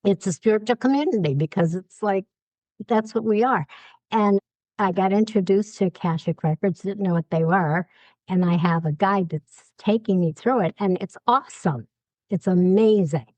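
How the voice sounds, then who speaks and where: A woman's voice: medium pitch, moderate pace, no echo, poor audio. A woman guest telling her recovery story openly and acting out the dialogue she quotes. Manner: lively, acts out quoted dialogue. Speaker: podcast guest. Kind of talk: candid personal storytelling.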